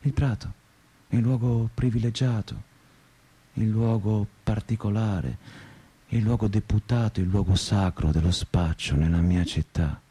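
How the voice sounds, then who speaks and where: A stage actor in his 30s performs a theatrical radio monologue as a restless, sardonic 35-year-old provincial student and pot-smoker telling his story. His lowish, dark voice has a breathy edge and a slightly slow pace. The mood is bitter and declamatory, sarcastic and slangy, swinging between mutter and outburst.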